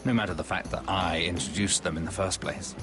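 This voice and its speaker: A man's voice: deep voice, brisk, close to an everyday voice. An actor voicing an affable merchant lord in a video game, wry and conversational as he grumbles about business. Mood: wry, bitter. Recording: music behind the voice.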